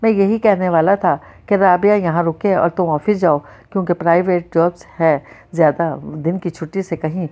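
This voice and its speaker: A woman voicing a young man, a gentle and protective older cousin, calm and soothing in an audiobook reading. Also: on the low side, hardly any pauses, close to an everyday voice. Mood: concerned.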